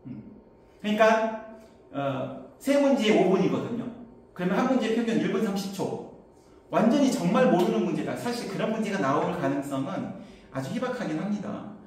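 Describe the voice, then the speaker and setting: A man's voice: expressive, normal speed, a little mellow. Echoey man lecturing from afar. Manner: chatty, anecdotal, raises pitch to project. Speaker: academy instructor presenting to parents. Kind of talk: info session lecture. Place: lecture room. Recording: distant mic, very echoey hall.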